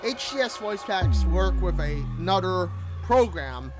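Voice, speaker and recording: Taking it slowly, a gaming video host with a mid-range voice and lively intonation offers casual, lightly scripted review commentary. Recorded indoors in a small room at home over background music, he rambles, repeating and rephrasing often.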